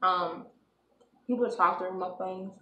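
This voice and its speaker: A woman's voice: on the low side, steady tone, a little slow, sharp tone. A woman hosting a home video, chatting casually and upbeat while she eats at a table. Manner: chatty and upbeat, talks between bites. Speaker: vlogger hosting a food-eating video. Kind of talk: casual chat while eating. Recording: echoey room with clattering dishes. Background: clinking cutlery and dishes.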